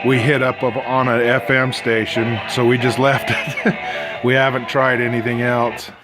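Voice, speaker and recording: Speaking at a measured pace in a medium-pitched, flat voice, a middle-aged amateur radio restorer demonstrates a repair, informally thinking out loud. Music from the vintage radio under test can be heard in the background.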